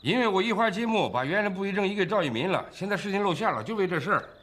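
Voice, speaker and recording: A sulky, defensive son speaks. His slightly high voice bounces around as he justifies himself in a family TV drama. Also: expressive, racing, fairly bright tone. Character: sheepish son who faked a diagnosis.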